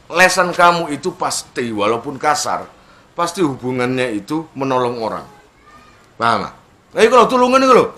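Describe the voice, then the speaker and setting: A man's voice: medium pitch, normal speed. A man giving a humorous religious talk, acting out characters and laughing often. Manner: animated storytelling, acts out characters and laughs often. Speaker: preacher.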